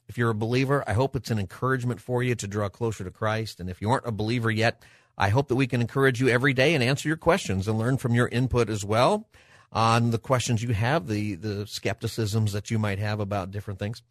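A man's voice: fairly low pitch, dry recording, studio quality. A middle-aged man hosting a live radio talk show in a conversational way, with a showman-like announcer manner.

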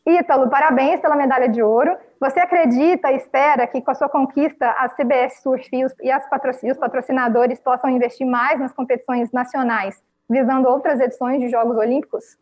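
High-voiced woman moderator. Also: fairly even intonation, a little fast, darkish tone, dull audio. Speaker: press conference moderator. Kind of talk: reading out questions.

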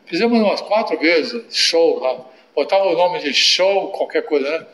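Older man, Brazilian accent, interview guest, animated storyteller, fairly high voice, echoey room. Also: moderate pace. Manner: anecdotal, animated, many tag questions.

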